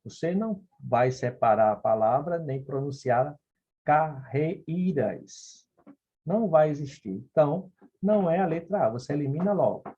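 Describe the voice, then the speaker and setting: A man's voice: fairly high pitch, lively intonation, normal speed, dark tone, slightly rough. A man teaching phonetics, working through exam questions step by step and checking in with the listener. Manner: explanatory, checks in with frequent "ok?" and "beleza?". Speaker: Portuguese grammar teacher. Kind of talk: recorded phonetics lesson solving exam questions. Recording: dull lo-fi recording.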